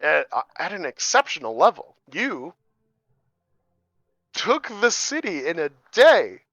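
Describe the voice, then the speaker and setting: A man's voice: on the high side, very animated, unhurried, a bit bright, no room sound, full character voice. A man voicing a scheming adult prince who talks in a formal, wry, persuasive way, on a muffled lo-fi recording. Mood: praising. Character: scheming adult male prince, smooth and commanding. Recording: muffled lo-fi audio.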